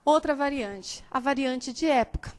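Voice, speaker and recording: A woman teacher from São Paulo state with a São Paulo Portuguese accent softened by years in the south, giving a live classroom lecture and often checking that students understand. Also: high voice, moderate pace. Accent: São Paulo Portuguese, softened by years in southern Brazil. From São Paulo state, Brazil.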